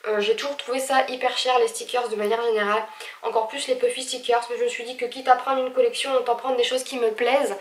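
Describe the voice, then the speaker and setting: A woman's voice: on the high side, fairly even intonation, quick pace, roomy sound, distant mic, slight background noise. Chatty woman with a stuffy nose. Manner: chatty, many hesitations, gushing. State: stuffy nose, speaking with effort. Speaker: vlogger. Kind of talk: casual haul video.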